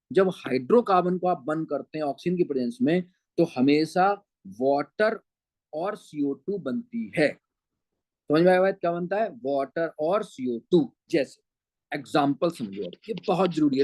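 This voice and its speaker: A man's voice: fairly high pitch, expressive, moderate pace, darkish tone, no room sound, rough recording. A man teaching chemistry in an online lecture, with a Punjabi-flavoured Hindi accent. He calls his students beta and keeps asking whether they follow. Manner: addresses students as beta, keeps checking understanding.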